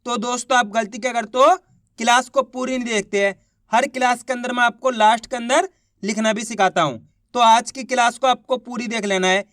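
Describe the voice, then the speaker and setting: A man teaching beginners to read, spelling out each syllable slowly and then blending it into a word, encouraging his viewers as friends. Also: very high-pitched, fairly even intonation, fairly bright tone, dry recording, studio quality. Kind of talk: slow syllable-by-syllable reading lesson.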